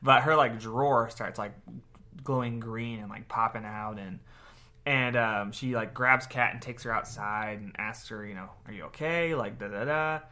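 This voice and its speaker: Male podcast co-host, casual and rambling, with a sharp, bright voice. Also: lowish voice, steady tone, moderate pace. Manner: rambling, many fillers and restarts. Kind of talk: casual chat.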